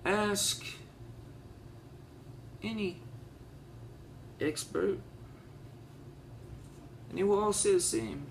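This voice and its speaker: A man playing a folksy, impassioned Southern defense lawyer in a courtroom monologue, with a honeyed, theatrical drawl and deliberate repetition for emphasis. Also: sits high, creaky, a little mellow, a little hiss or hum, full character voice. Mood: measured. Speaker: auditioning actor. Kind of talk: audition monologue, courtroom speech.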